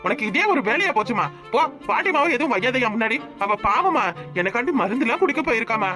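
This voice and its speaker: A woman's voice: on the high side, animated, fast, over music, natural voice. A woman voicing an impatient young village man who scolds his mother, in a cartoon with a southern Tamil accent. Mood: exasperated. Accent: southern Tamil, Tirunelveli.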